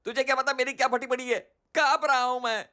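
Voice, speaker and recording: A man's voice: high-pitched, animated, normal speed, fairly bright tone. An actor dubbing a cowardly, clingy middle-aged uncle in a comedy film, talking nervously and rambling, his voice jumping up in panic. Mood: panicky.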